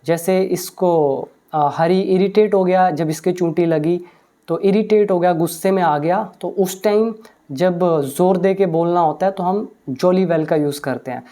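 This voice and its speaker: A woman teaching English, explaining a story line by line in a mix of Hindi and English. She patiently translates each English phrase and often pauses with hesitation sounds. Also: fairly low pitch, warm tone.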